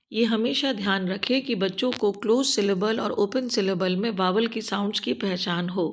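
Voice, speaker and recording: A woman with a Hindi-speaking Indian accent narrates a scripted teaching lesson, walking through each step in an even, methodical way. Her mid-range voice carries a noticeable gravelly fry, and she slows right down whenever she spells out an English term. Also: medium pitch. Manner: steady step-by-step explaining. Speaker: teacher trainer.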